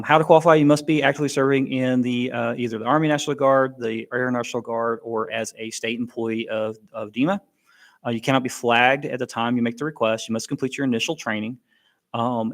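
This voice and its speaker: Male briefer, mid-pitched, talks through program rules informally with many ums. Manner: explains plainly with frequent ums and restarts. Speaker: education benefits briefer.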